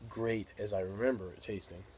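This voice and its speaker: American male hobby vlogger, lowish voice, unhurried rambling chat, crickets and outdoor noise behind. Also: steady tone, darkish tone, low-quality recording. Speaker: pipe tobacco vlogger. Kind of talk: casual rambling monologue.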